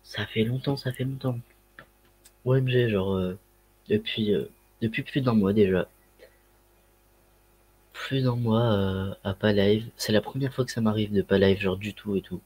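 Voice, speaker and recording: A man's voice: fairly low pitch, steady tone, a little slow, pauses often, a little mellow, breathy edge. A man with a Ch'ti accent chatting casually on a livestream through a headset mic, rambling with lots of fillers and slang. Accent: Ch'ti (northern French). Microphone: headset microphone.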